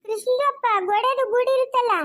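Lady putting on a pesky new neighbor auntie, broken kannada, super high squeaky voice, keeps calling out. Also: steady tone, fast. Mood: pestering. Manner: mangled grammar, repeats a call over and over. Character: chatty newcomer neighbor woman, broken speech. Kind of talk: home-made family skit.

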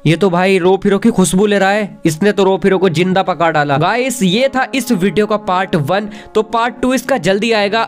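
A young man giving excitable, chatty game commentary voice-over, talking straight to his viewers. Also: high-pitched. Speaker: gaming video creator. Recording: faint background music.

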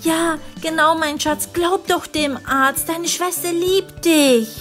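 A woman voicing a doting, worried mother in a kids' animated story. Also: very high voice, slow, soft background music, exaggerated voice. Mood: fretful. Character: fussy caring mother.

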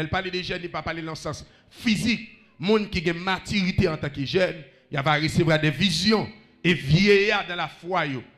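A man's voice: high-pitched, a bit bright. A man with a Haitian accent preaching a sermon, rhythmically calling out questions to the congregation.

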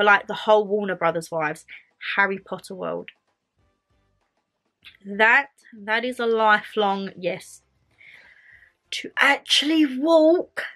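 Still recovering from a cold, this bubbly English vlogger talks to the camera indoors in her bedroom, using her hands as she chats. She speaks on the high side, with a pushed, bright quality.

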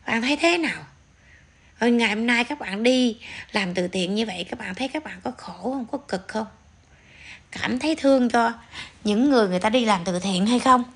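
A woman's voice: a little high, creaky, husky. A woman hosting an opinion vlog, scolding her viewers with a string of rhetorical questions. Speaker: vlog host. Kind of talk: opinion commentary monologue.

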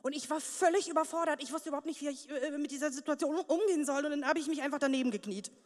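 Brash woman doing stand-up, high voice. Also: very fast. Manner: brash, crude punchlines, acts out voices. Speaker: stand-up comedian. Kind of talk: stand-up comedy set. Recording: long reverb of a studio hall.

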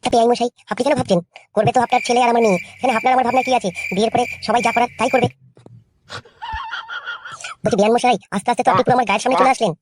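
A woman's voice: a little high, fairly even intonation, racing, pauses often, background noise, close to an everyday voice. Woman voicing a coy, scolding mother-in-law. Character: flirtatious middle-aged mother-in-law, scolding. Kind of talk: Bengali cartoon voice acting.

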